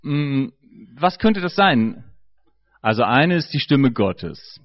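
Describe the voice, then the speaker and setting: A man's voice: medium pitch, very animated, takes it slowly, dry recording, lo-fi sound. A man preaching a sermon in a conversational way, joking and putting questions to his audience.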